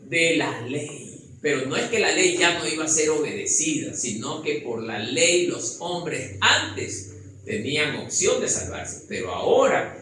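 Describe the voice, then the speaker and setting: A man's voice: a little high, big pitch swings, unhurried. A man preaching as pastor to his congregation, asking rhetorical questions and calling them brother. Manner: bursts into loud acted cries. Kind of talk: sermon. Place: church hall with congregation. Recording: very echoey church hall, faint ambient noise.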